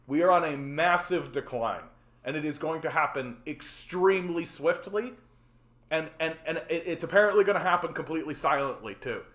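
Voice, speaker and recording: A man's voice: fairly high pitch, bright, forceful tone. A man in his forties from Canada, hosting a solo livestream in a frustrated, rambling rant full of stammered repeats. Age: 40s. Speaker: livestream host. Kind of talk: ranting solo livestream talk. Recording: roomy echo.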